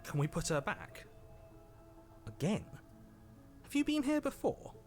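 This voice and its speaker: Anxious, high-pitched young hero. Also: male voice, very animated, unhurried, a little mellow. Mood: puzzled. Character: bewildered, earnest young hero's inner voice. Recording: music behind voice.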